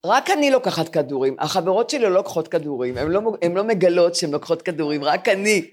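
A woman's voice: fairly low pitch, lively intonation. A woman in her seventies, a podcast co-host, chatting in a self-mocking, storytelling way before a live audience. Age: 70s.

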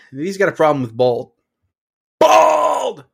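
A man's voice: mid-range voice, normal speed, fairly bright tone. A man co-hosting a podcast, casually recapping results and reacting with offhand swearing. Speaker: wrestling podcast co-host.

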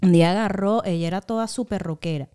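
A young woman with a Venezuelan accent, chatting on a podcast and spinning lively family anecdotes. Her voice is mellow and dark, with a smooth, clear tone. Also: medium pitch, quick pace. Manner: animated storytelling, acting out family quotes. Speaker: podcast co-host. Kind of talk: casual chat.

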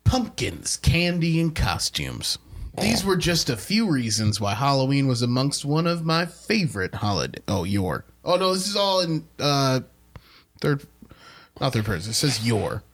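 A man's voice: medium pitch, sing-song, measured pace. A man co-hosting a podcast, casually reading a horror story aloud and breaking off to joke.

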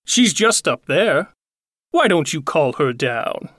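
Sly storybook fox, low and oily, slow threats , put on by a woman narrator; dry close sound. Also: big pitch swings, a bit bright, no echo, exaggerated voice. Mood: slick. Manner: slick, slow and sneering. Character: sly smooth-talking male fox, menacing.

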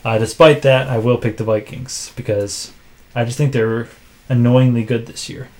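A man co-hosting a casual sports podcast, making game picks in a dry, self-described monotone with frequent filler words. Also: medium pitch, moderate pace. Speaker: podcast co-host.

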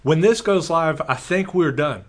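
A man's voice: fairly high pitch, animated, unhurried. A man chatting casually as a pastor and co-host, given to joking, teasing asides. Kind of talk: casual conversation.

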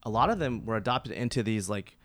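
A man's voice: on the low side, lively intonation, a little fast, a bit bright, no echo. A man in his thirties from Oklahoma, talking as a podcast guest in a rambling way, with lots of fillers and restarts. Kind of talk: casual conversational interview.

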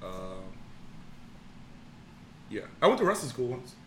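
A man's voice: mid-range voice, big pitch swings, takes it slowly, fairly bright tone, slight background noise. A man co-hosting a podcast, chatting casually and teasing his friends with jokes and stories. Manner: joking, teasing, storytelling. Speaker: podcast co-host. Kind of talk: casual chat.

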